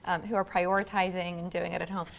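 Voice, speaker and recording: A woman's voice: fairly low pitch, little pitch movement, quick pace, gravelly, slight background noise. A woman hosting a local morning TV show, encouraging and upbeat as she talks to guests and viewers. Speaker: TV host.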